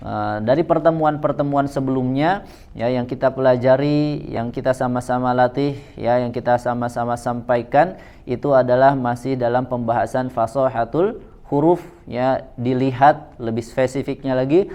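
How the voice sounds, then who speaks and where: A man teaching a Quranic recitation lesson to a congregation, speaking in a measured way and tagging nearly every phrase with a soft "ya". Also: mid-range voice, fairly even intonation.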